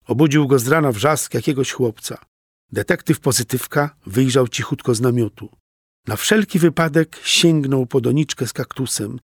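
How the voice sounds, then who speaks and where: A man narrating a children's story in a gently playful storytelling manner, asking the listener questions. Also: medium pitch, creaky, breathy edge, dry recording, studio quality.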